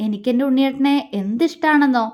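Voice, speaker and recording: Shy sweet young wife, woman narrator doing her, soft and bashful, high voice. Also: quick pace, natural voice. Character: shy, gentle young wife, easily embarrassed.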